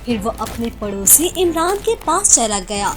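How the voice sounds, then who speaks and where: Expressive woman storyteller. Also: fairly high pitch, measured pace, faint music behind. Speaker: narrator. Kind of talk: storytelling narration.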